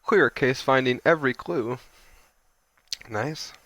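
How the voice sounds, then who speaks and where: A man's voice: mid-range voice, slow pace, fairly bright tone, dry recording. A man giving casual commentary as he streams a game.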